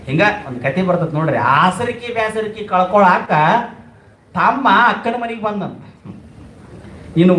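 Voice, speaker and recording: Emphatic North Karnataka preacher, echoey hall. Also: male voice, a little hiss or hum. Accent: North Karnataka Kannada. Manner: emphatic, repeats phrases, sweeping pitch swings. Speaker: religious discourse speaker. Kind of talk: sermon.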